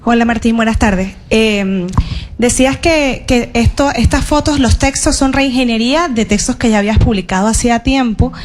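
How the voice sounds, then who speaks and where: A woman's voice: fairly high pitch, moderate pace, a little hiss or hum. A woman journalist with a Caribbean Spanish accent, asking a question at a public talk.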